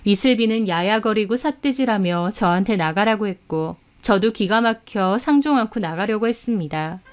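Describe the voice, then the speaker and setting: A woman's voice: medium pitch, expressive, moderate pace, clear, resonant tone. A woman with a mid-range voice narrates a first-person story. She tells it in an indignant, dramatic way, as if recounting a betrayal to listeners.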